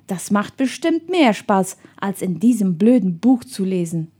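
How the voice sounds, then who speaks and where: A woman's voice: mid-range voice, big pitch swings, measured pace, warm tone, husky. A woman voicing a cheeky boy who teases a bookworm, in a storybook reading. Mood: teasing. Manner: coaxing, teasing.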